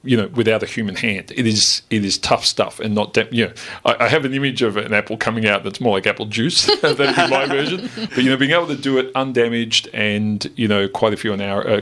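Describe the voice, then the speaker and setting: A man hosting a science radio show in a studio, chatting and interviewing in a bright, curious, enthusiastic way. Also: on the low side. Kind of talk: live radio interview chat.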